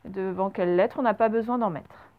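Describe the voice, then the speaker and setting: A woman teaching young children a spelling and dictation lesson, speaking slowly and patiently and spelling words out letter by letter. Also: medium pitch. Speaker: primary school teacher. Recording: slightly dull, lo-fi home recording.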